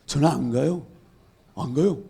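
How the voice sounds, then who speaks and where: A man's voice: on the high side, unhurried, creaky, warm tone, husky. A male pastor preaching a sermon, asking the congregation questions and acting out Bible scenes. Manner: asks the congregation rhetorical questions.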